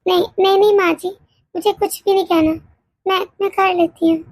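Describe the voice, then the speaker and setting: A woman voicing a timid, exhausted pregnant young daughter-in-law in an animated story, speaking meekly with stammers. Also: very high voice, brisk, no room sound. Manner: meek, hesitant, stammering.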